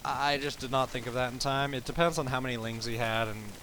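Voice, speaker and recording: A man's voice: mid-range voice, fairly even intonation, brisk, sharp tone, slight background noise. Laid-back tired man commentating gameplay. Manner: laid-back, rambling, swears casually. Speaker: game commentator.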